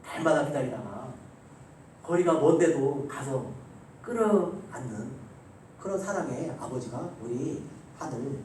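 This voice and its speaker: A male pastor preaching a Sunday sermon, telling stories with emphasis and swinging between loud and soft delivery. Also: medium pitch, animated, a little slow, slight background noise. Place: church sanctuary. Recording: very echoey church hall, voice from far off, faint ambience.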